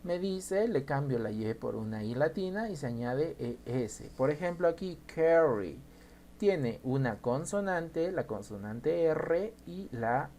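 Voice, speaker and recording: A man teaching an English grammar lesson, slowly spelling out and repeating each example. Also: on the high side, lively intonation, warm tone, slight background noise.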